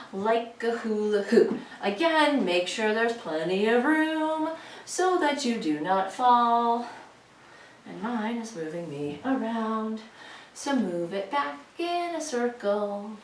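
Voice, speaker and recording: A woman's voice: fairly high pitch, animated, takes it slowly, a little hiss or hum. A woman leading a home workout, chatty and playful, cueing moves in a sing-song voice. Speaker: fitness instructor. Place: room at home. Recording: echoey room, voice from far off.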